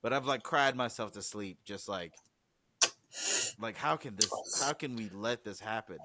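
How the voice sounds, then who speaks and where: A man's voice: on the low side, normal speed, bright, forceful tone. A man talking as a guest on a podcast in loose, profane conversation, with frequent restarts and acted-out quotes. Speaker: guest, music producer.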